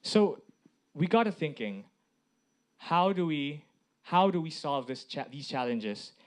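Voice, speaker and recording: A man's voice: on the high side, animated, slow pace. A man from the Philippines giving a public presentation in short phrases, often posing rhetorical questions. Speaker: IT director presenting as a speaker.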